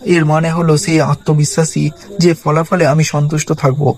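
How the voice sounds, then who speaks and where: A self-assured young hunter, voiced by a male narrator. The voice is calm and even, mellow in tone and kept fairly high. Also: moderate pace, faint music behind, lightly acted. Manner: flat, read-aloud delivery.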